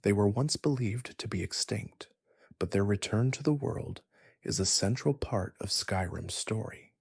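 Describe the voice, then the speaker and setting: A man narrating a bedtime story in a soft, gentle, soothing, breathy spa-like whisper, slow and unhurried. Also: fairly low pitch, no room sound, clean studio sound. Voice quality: breathy, husky, partly whispered.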